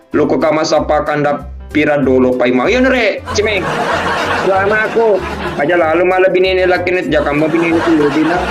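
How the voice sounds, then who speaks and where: Male streamer, high and playful, over loud music and crowd chatter. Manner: playful, teasing, thanking viewers. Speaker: live-stream host. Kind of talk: live-stream banter.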